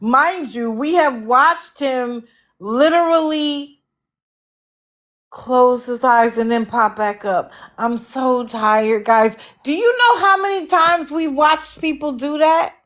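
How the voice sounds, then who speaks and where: A woman from Connecticut hosting a livestream, giving sarcastic, animated commentary. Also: sits high, slow. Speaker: livestream host.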